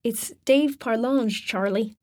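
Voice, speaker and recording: A woman's voice: a little high, takes it slowly, a little mellow. A woman reading an audiobook, voicing an easygoing, friendly young man. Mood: casual. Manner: casual, easygoing. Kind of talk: audiobook character voice.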